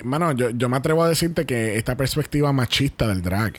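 A man's voice: mid-range voice, lively intonation, fairly quick. A man with a Puerto Rican accent hosting a casual pop-culture chat, mixing English into his Spanish. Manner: Spanglish, switching between Spanish and English. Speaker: podcast host.

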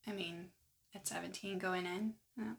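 A woman co-hosting a true-crime podcast, talking in a chatty, animated way with lots of asides. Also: lowish voice, normal speed, creaky. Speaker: podcast co-host. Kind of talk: casual true-crime chat.

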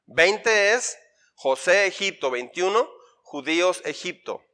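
This pastor runs a hands-on Bible workshop in church, quizzing the congregation with questions and lists he repeats, all in a playful way. He sounds high and animated, with a sharp edge, and he takes his time.

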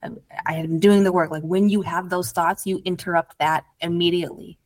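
A woman's voice: on the low side, fairly even intonation, fairly quick, a little mellow. A woman guest on a podcast interview, an addiction recovery coach telling her story earnestly and casually, with lots of "like". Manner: earnest, storytelling, heavy use of "like".

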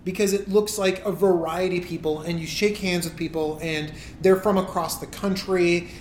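A man's voice: steady tone, moderate pace, darkish tone. A man chatting casually as a podcast guest in a large hotel suite, his voice carrying a cave-like echo. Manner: easygoing, joking. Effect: cave-like room echo. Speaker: podcast guest, YouTube creator. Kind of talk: casual chat. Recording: roomy cave echo, faint rumble.

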